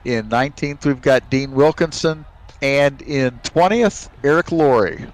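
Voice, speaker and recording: Relaxed, hesitant race commentator man. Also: mid-range voice, a little slow. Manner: relaxed, hesitant, with many fillers. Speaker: color commentator.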